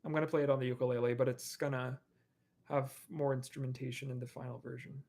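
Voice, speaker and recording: A young adult animator and streamer answers viewer questions on a live stream, rambling casually with lots of fillers and restarts. His medium-pitched voice is fast and flat, gravelly yet a little mellow.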